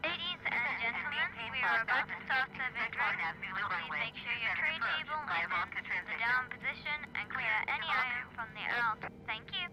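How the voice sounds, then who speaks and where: A woman as a high-voiced flight attendant over the cabin PA. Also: lively intonation, normal speed, heavy background noise. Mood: formal. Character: female flight attendant making cabin announcements. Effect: cabin PA announcement. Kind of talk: scripted cabin announcement.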